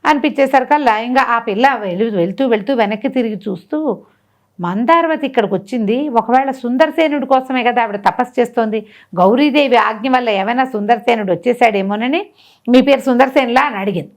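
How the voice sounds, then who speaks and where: Brisk and a little high-pitched, a woman storyteller brings a folk tale to life conversationally, asking rhetorical questions and performing the dialogue as she goes.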